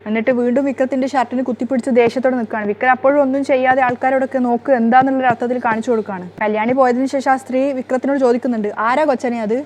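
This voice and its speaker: Woman narrator, fast running recap, slightly high voice. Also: fairly even intonation, a little mellow, slight background noise. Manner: rapid, breathless retelling.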